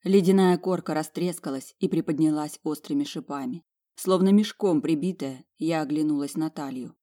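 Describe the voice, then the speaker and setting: A woman narrating a first-person fantasy audiobook in an expressive, dramatic reading. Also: low voice, normal speed.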